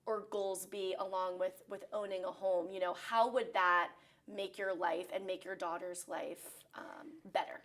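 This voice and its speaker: A woman's voice: on the low side, level tone, unhurried, a bit bright. A woman interviewing someone in a conversational style.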